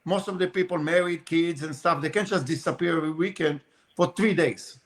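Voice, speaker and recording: A man who races RC cars, telling rambling, animated stories in a casual podcast chat with many fillers. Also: fairly high pitch, brisk. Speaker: guest, RC car racer.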